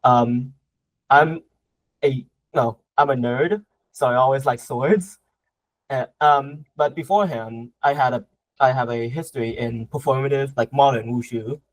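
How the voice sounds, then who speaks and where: A man's voice: mid-range voice, a little slow, no echo, rough recording. Hesitant young man, lots of ums. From Southern Vietnam. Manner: hesitant, many fillers and restarts. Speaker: guest martial artist. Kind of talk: casual interview answers.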